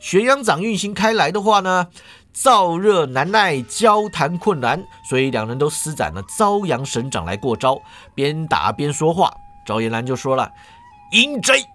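A man reading a martial-arts novel aloud in an animated storytelling style, stretching phrase endings. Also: on the high side, normal speed, soft background music.

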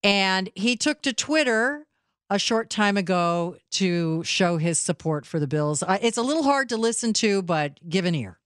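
A woman's voice: mid-range voice, animated, moderate pace, a bit bright, clear, resonant tone, no echo. A woman hosting live talk radio, chatty and opinionated, speaking into a studio microphone. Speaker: radio talk host, filling in.

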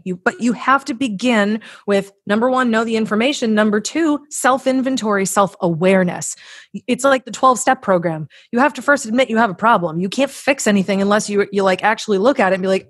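In this dry, studio-quality clip, a medium-pitched woman speaks as a guest on a podcast. An author and coach, she gives chatty motivational guidance, bluntly and emphatically, swearing casually and playing out examples as she goes.

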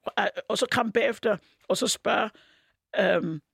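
A woman talks in a lively, animated way as a guest on a discussion show. Her voice is hoarse, gravelly and husky from shouting. The sound is dry and close to the mic. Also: medium pitch, no room sound. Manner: animated, mimics others with put-on voices, laughs often. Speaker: guest activist. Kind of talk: casual discussion.

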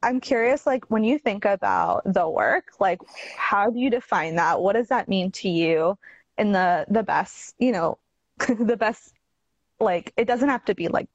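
A woman's voice: mid-range voice, expressive, a little slow, no echo, muffled recording. A woman hosting a podcast interview, chatty and casual with frequent filler words. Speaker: podcast host.

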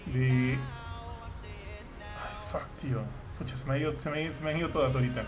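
A man, excitable and teasing, swearing often in a casual chat among friends. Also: fairly high pitch, racing, over music. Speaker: game player. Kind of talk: casual chat while gaming.

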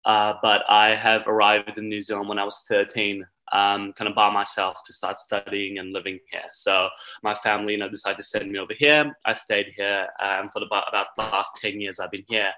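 A young man from Turkey, a marketing guest on a podcast, talking in a relaxed way with lots of uh and you know. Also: fairly low pitch, brisk, poor audio. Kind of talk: casual interview.

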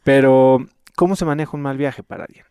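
A man's voice: medium pitch, steady tone, brisk, a little mellow, clear, resonant tone, no room sound, clean studio sound. A man, hosting a conversational interview in a reflective, anecdotal way. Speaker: podcast host.

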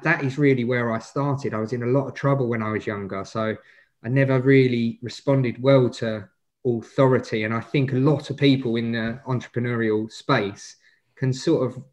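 A man's voice: medium pitch, steady tone, normal speed. A man in his twenties with an Essex accent, giving casual, informal interview answers as a guest, often hesitating and rephrasing. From Essex, England. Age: 20s. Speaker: podcast guest, wealth manager.

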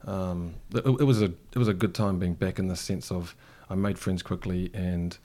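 In a reflective conversational interview, a middle-aged cafe co-founder from New Zealand thoughtfully recalls his past. He has a deep, warm voice with fairly even intonation and a moderate pace, and he often restarts sentences and uses fillers.

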